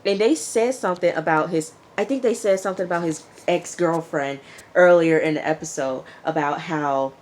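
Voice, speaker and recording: With a fairly low, slightly mellow voice at a moderate pace, a woman reviews a reality TV show. The recap is casual and full of opinions, and she acts out what the cast said.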